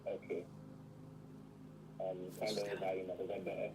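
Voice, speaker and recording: A man's voice: low-pitched, flat delivery, normal speed, noisy background. A man joining a live stream as a guest, his voice muffled and faint as if heard through a wall. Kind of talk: casual chat. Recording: muffled distant live-call audio.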